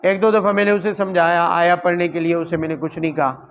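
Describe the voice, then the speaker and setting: A man delivers a Quran commentary sermon in a high-pitched voice. He talks to his listeners conversationally, asking rhetorical questions and telling stories from his own teaching. A faint hum of noise sits behind him. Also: fairly even intonation, poor audio.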